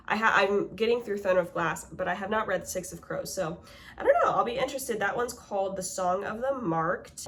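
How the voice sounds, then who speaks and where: A woman book vlogger in casual chat, talkative and quick to laugh, with lots of "like". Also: medium pitch, a little hiss or hum. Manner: chatty, laughs often, lots of "like".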